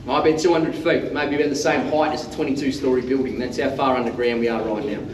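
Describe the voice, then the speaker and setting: An Australian man guiding a group tour in a loud, projecting teacher voice, with informal, jokey patter. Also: medium pitch, steady tone, fast, distant mic. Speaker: underground mine tour guide. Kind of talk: guided tour talk to a group. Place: underground mine tunnel. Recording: echoey underground space, off mic, faint noise.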